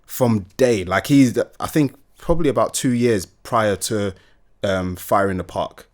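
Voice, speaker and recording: A man's voice: fairly low pitch, unhurried. A young man from the UK, a guest chatting casually and animatedly, often laughing. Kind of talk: casual interview chat.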